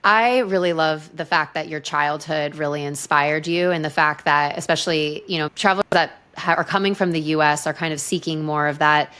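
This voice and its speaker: A woman's voice: sits low, fairly bright tone, clear, resonant tone. A woman podcast host who reads a scripted intro, then asks interview questions in a welcoming, enthusiastic way.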